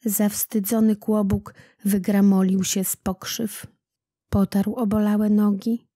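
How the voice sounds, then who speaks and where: A woman narrating a children's legend aloud in a slow, deliberate storytelling manner. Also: medium pitch, level tone, warm tone, dry recording, studio quality. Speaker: narrator, audiobook reader.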